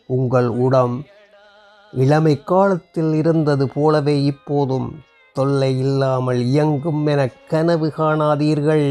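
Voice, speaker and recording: Slow, emotional man reading a story. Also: mid-range voice, dark tone. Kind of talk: slow heartfelt narration.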